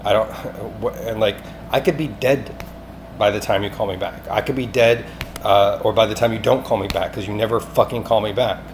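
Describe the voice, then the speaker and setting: In this voicemail, a deep-voiced man rambles on insistently, repeating himself and cursing a little in his agitation. His tone stays steady and his pace is normal, while obvious noise runs through the amateur phone-call audio.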